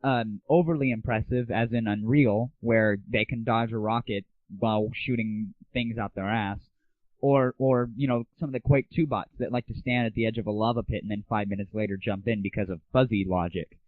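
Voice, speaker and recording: Speaking at a normal speed in a steady, lowish voice, this show host delivers an opinionated, casual rant on games and music, sounding blunt, irreverent and fed up. The audio is dry but tinny and lo-fi, like a 1990s phone line.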